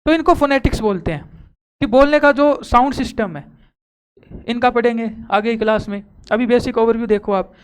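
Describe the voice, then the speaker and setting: A woman teacher runs a classroom lesson with a smooth, clear voice. She keeps questioning her pupils and says the key terms again, slowly and with care. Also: fairly high pitch. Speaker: school teacher. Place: school classroom.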